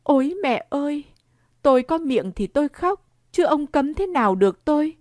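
A woman's voice: sits high, expressive, normal speed, a little mellow, no echo, studio quality, pitched above the performer's own voice. A woman reading the part of a grieving peasant widow, wailing and pleading in a raised voice.

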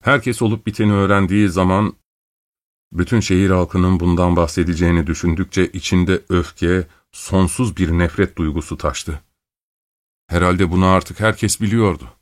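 A man reading a classic novel aloud, calm and measured. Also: no echo, clean studio sound. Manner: calm, measured reading; raises pitch for female characters' quoted lines. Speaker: audiobook narrator. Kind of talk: scripted literary narration.

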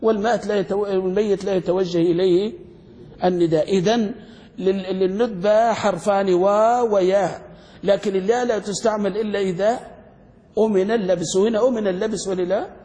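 A man teaching a grammar class as a sheikh, firing quick questions at his students and restarting words as he searches for them. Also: sits high, fairly even intonation, warm tone. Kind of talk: classroom lecture. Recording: long hall reverb.

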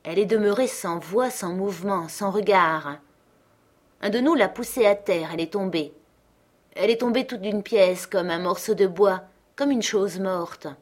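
A woman narrating a classic novel as an audiobook, expressive and dramatic, slowing down on key phrases. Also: mid-range voice. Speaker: audiobook reader.

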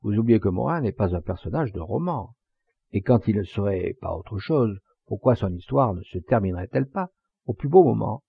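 A man reading the part of a talkative, enthusiastic gentleman with a declamatory manner. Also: fairly low pitch, lively intonation, normal speed, gravelly, slightly rough, dry recording, full character voice. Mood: declaiming. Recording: dull lo-fi dry recording.

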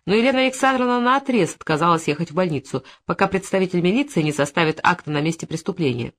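A woman narrating an audiobook in an expressive literary style. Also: fairly low pitch, fast.

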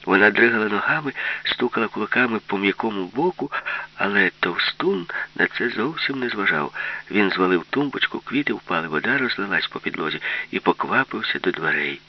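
A man reading a children's story aloud as narrator, lively and expressive. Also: on the low side, fairly quick, a little hiss or hum. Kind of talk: storybook reading, radio play. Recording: dull lo-fi radio recording.

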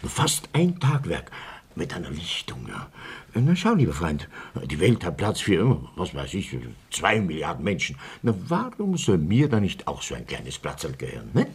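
An actor playing a pompous, domineering middle-aged socialist politician in a radio play, husky and speechifying. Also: male voice, sits low, wildly swooping pitch, normal speed, heavily acted. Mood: smug, easy. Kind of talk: theatrical radio play acting.

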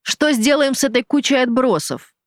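Brief: reader playing a cruel gang-boss man, taunting and falsely friendly, voice pushed high and loud, dry close recording. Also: lively intonation, moderate pace, dry recording. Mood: sneering. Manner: sneering, taunting, falsely genial. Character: cruel mocking male gang boss, middle-aged. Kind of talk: audiobook character voice.

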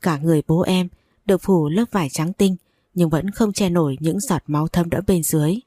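Woman reading an audio story, low voice, mellow tone, dry close mic, steady pace. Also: brisk, dry recording. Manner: steady, even first-person storytelling. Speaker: story narrator.

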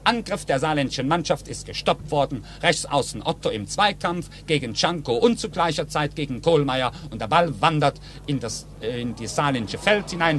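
This fairly high, fairly bright male voice belongs to a 1950s radio announcer giving detailed live football play-by-play at a stadium. The phrases are short and clipped, and the old broadcast recording is full of noise.

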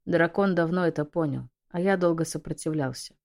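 A tender male dragon general, voiced by a woman narrator, speaks in a lowered, husky hush. His devotion sits in every word of this fantasy audiobook, and the voice stays deep and soft throughout. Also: brisk. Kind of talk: audiobook character voice.

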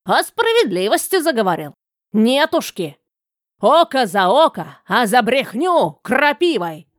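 Woman doing a talking rose, mocking, howling, high, dry close sound. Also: very animated, unhurried, dry recording. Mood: taunting. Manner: howling, scolding, taunting. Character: sharp-tongued talking red rose, female, mocking.

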